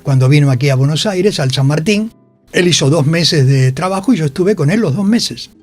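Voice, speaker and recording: An older man with a Rioplatense Spanish accent, an actor being interviewed on radio, tells anecdotes and acts out the quotes as he goes. His voice is on the high side and expressive at a normal speed, picked up by a radio studio microphone with soft music in the background.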